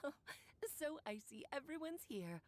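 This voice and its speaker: Coy, lively mage mother. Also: sits high, unhurried. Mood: coy, amused. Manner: coy, theatrical storytelling. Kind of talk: video game character acting.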